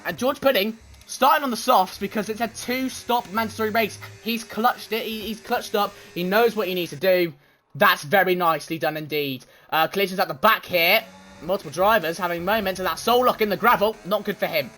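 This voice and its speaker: A man giving excitable live commentary on a sim race and chatting with his viewers. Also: high voice, a little fast. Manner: excitable, swears when shouting, chats with viewers.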